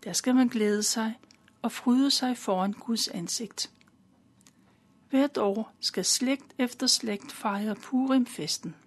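A woman calmly retelling a Bible story in simple, plain words, with a few fillers. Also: fairly high pitch.

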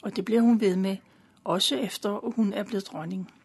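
A woman calmly retelling a Bible story in simple, plain words, with a few fillers. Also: medium pitch, slightly rough.

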